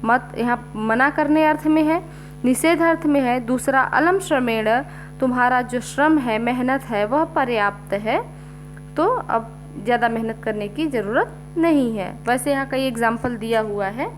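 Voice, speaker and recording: A woman's voice: on the high side, moderate pace, poor audio. A woman teacher explains a lesson step by step, often saying "ठीक है" as she goes. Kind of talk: slow classroom explanation. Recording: faint mains hum.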